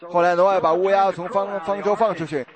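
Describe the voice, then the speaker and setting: A man's voice: high voice, steady tone, crowd noise. A man preaching a sermon, putting questions to his congregation and answering them himself. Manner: sings hymn lines slowly.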